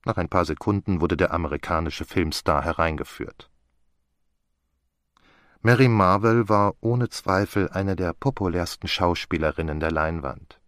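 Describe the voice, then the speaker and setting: A man narrating a detective story in the first person for an audiobook, in a measured storytelling delivery. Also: extremely low pitch, fairly bright tone, no room sound, studio quality. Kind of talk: scripted narration.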